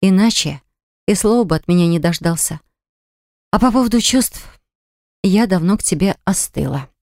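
A woman's voice: on the low side, expressive, normal speed, a little mellow, dry recording. A stern young mother speaks in clipped, cold phrases, firm and resentful, voiced by a woman reading an audiobook. The sound is dry and close, with no room around it. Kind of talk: audiobook dialogue.

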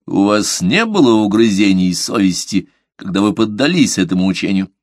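With a lowish, darkish voice at normal speed, a man performs a stern inquisitor in an audiobook, a grim older cleric who interrogates coldly and probingly. He's very animated, and the studio sound is clean with no echo.

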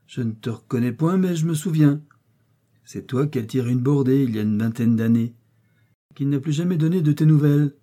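A man voicing an honest older café owner who speaks calmly and slowly recalls an old acquaintance. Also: mid-range voice, pitched above the performer's own voice, close to an everyday voice. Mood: puzzled.

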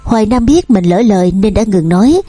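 Husky-voiced woman narrating a novel. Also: mid-range voice, a little fast, no room sound, soft background music. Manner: steady storytelling. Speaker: audiobook narrator. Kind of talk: novel reading.

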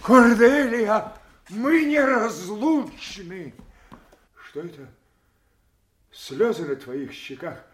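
A man's voice: sits high, slight background noise, full character voice. An older actor playing an old captive king, a loving and defiant father, in a declamatory, emotional radio drama style. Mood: fervent, then tender. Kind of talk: theatrical Shakespearean radio drama acting.

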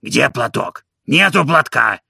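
An old manservant grumbles low and slow, his gravelly, husky voice sour with grievance, as a male reader puts him on. He sounds sulky and put-upon, dragging each complaint out. His tone stays bright and edgy despite the rasp. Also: big pitch swings, no echo, studio quality, exaggerated voice. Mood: grumbling.

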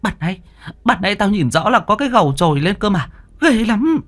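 A spiteful mistress of the house, put on by a male storyteller, shrieks and stammers in panic. The voice leaps up high and thin, and it swings wildly from word to word. It sounds like a figure in a told ghost story. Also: very animated, measured pace, exaggerated voice. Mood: terrified. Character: panicky, spiteful middle-aged mistress woman.

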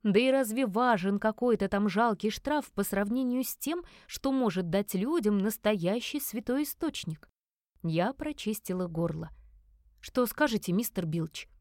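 A woman narrating a first-person fantasy audiobook in a lively, expressive reading. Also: medium pitch, normal speed, no room sound, clean studio sound.

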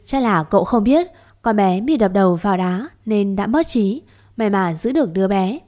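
A woman voicing a kind, motherly village woman who speaks gently and turns tearful. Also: mid-range voice, expressive, normal speed, close to an everyday voice. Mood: gentle.

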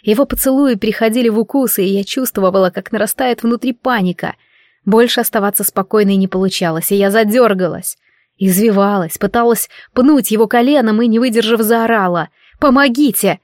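A woman narrating a first-person novel as an audiobook, with a steady, even delivery. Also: medium pitch, a little fast, no room sound, clean studio sound.

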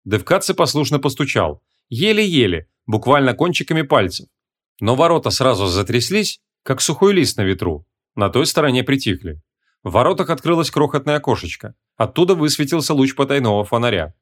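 A man's voice: medium pitch, fairly quick. Man reading a humorous fantasy audiobook. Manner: lively expressive reading. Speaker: audiobook narrator.

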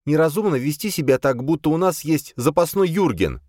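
A man putting on a shrill, fiery young woman. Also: animated, a little fast, a little mellow, no room sound, studio quality, natural voice. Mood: heated. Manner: shrill, indignant outbursts.

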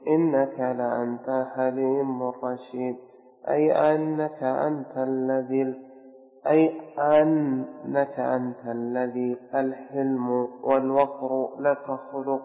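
A man reading a religious commentary aloud to a teacher in a measured, slightly sung recitation. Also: mid-range voice, flat delivery. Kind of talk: chanted reading of a religious text. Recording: dull recording in a reverberant hall with faint music.

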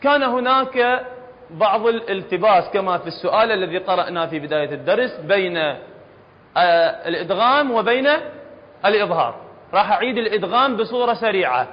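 A Quran recitation teacher with an Iraqi Arabic accent runs a class, often asking students if they follow and patiently going back over each point. His high voice has lively intonation and moves a little fast with long pauses, softened by a reverberant hall and a dull, lo-fi recording.

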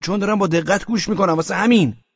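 A man's voice: high-pitched, dry recording, lo-fi sound, pitched above the performer's own voice. A man voicing a patient, evasive friend who keeps reassuring the speaker in an audiobook. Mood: placating. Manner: placating, hedging replies.

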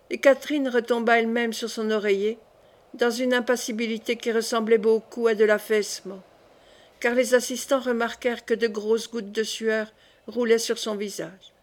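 A woman reading a classic novel aloud as an audiobook narrator, in a measured, clear way. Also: on the high side. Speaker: audiobook reader.

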